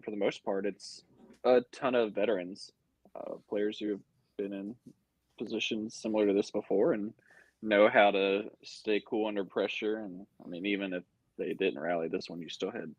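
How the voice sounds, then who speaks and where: A man's voice: lowish voice, slightly rough, no room sound. A man co-hosting a sports podcast who adds his take in an easygoing, agreeable way. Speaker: podcast co-host. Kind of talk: casual sports chat. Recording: dull lo-fi audio.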